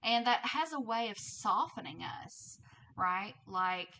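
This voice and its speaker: A woman with a thick Southern US accent hosts a casual tarot reading, talking conversationally and often checking in with listeners through tags like "okay?" and "right?". Her medium-pitched voice is expressive and sharp in tone, at a slow pace. A little hiss or hum is present.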